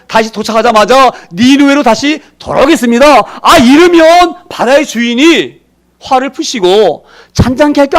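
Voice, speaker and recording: A man preaching a sermon as pastor, emphatic, asking the congregation rhetorical questions and acting out quoted voices with sharp swings in pitch and loudness.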